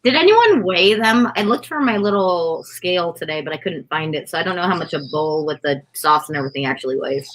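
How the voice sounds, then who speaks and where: A woman's voice: fairly low pitch, lively intonation, fairly quick, few pauses, rough recording. Chatty woman at an eating contest. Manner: chatty, anecdotal, peppered with "like". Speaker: competitive eater. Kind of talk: casual chat during an eating contest.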